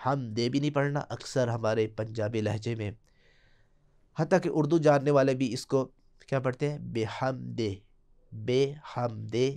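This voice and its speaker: A young man teaching Quran recitation, explaining rules and reciting slow drawn-out examples. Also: mid-range voice, a little mellow.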